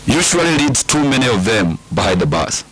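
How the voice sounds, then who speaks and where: A man's voice: medium pitch, very animated, fairly quick, fairly bright tone, husky, poor audio. A middle-aged man from Kenya with a Kikuyu Kenyan accent, talking casually and emphatically as an interview guest, like a storyteller. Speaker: guest, comedian.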